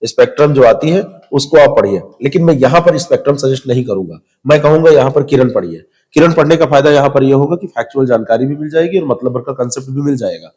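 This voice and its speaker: A man's voice: mid-range voice, expressive, fast, hardly any pauses, a little mellow, in a large hall. A man giving direct, informal advice on which books to study for a civil service exam. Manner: direct, advising, addresses viewers as you. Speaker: exam prep teacher.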